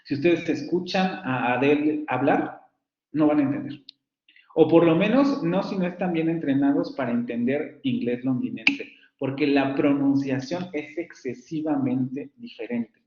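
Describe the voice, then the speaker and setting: Speaking a little slowly in a mid-range voice, a man gives a recorded online university lecture on phonetics. He explains things at length and says sample words aloud as models, on a roomy, dull, lo-fi recording.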